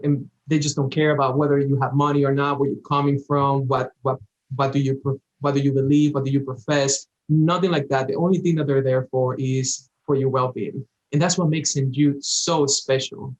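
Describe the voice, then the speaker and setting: A man's voice: mid-range voice, low-quality recording. A young man from the Dominican Republic with a slight Dominican accent, talking earnestly as a guest in an interview. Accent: Dominican Spanish. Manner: earnest, grateful. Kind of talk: remote interview.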